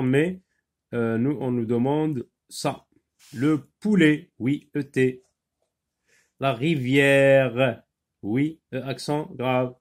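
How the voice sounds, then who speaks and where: Slow, patient man teaching phonics. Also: mid-range voice, a little mellow. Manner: slow, patient, with many pauses and fillers; switches between French and Arabic explanations. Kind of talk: phonics lesson.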